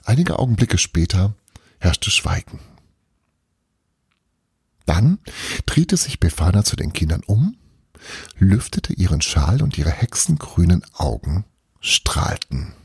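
A man reading an advent calendar story aloud, then chatting warmly with his listeners as host. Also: deep voice, takes it slowly, pauses often, husky, dry recording, clean studio sound. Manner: warm, lively, chatty outro.

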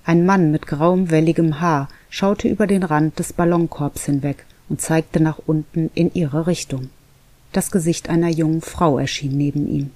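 A narrator reading a children's animal story aloud in a calm, even manner. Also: mid-range voice, normal speed, no echo. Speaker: audiobook narrator. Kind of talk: scripted narration.

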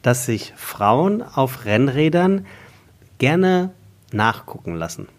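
A man's voice: medium pitch, very animated, slow. Chatty man with hesitant fillers. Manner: provocative, hesitant with many fillers. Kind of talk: casual podcast chat.

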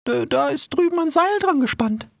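A woman's voice: high-pitched, animated, normal speed, creaky, a bit bright, no room sound, clean studio sound, heavily acted. A woman voicing a polite, chatty female mouse surveyor in an audio drama, formal and eager.

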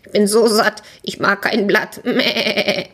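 A woman's voice: mid-range voice, fairly even intonation, slow pace, a bit bright, husky, pitched above the performer's own voice. A woman voicing a sly, lying goat that bleats its rhymes in a sing-song. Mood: bleating.

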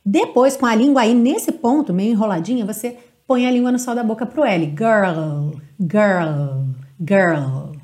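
A Brazilian woman teaching English online, explaining patiently and drawing out example words slowly. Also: fairly high pitch, dark tone. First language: Portuguese. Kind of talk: online English lesson on song lyrics.

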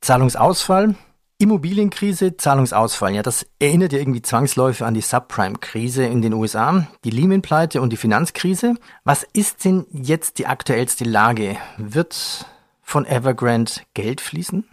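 A man's voice: mid-range voice, animated, moderate pace, no echo, studio quality. Man moderating a finance podcast.

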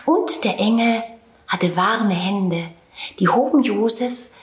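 A woman narrating a storybook tale with a calm, tender reading manner and soft whispered passages. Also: medium pitch, takes it slowly. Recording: roomy echo.

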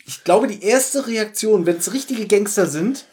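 A man's voice: high-pitched, animated, a little slow, darkish tone. A man co-hosting a podcast in casual chat, teasing and joking with the others. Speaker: podcast co-host.

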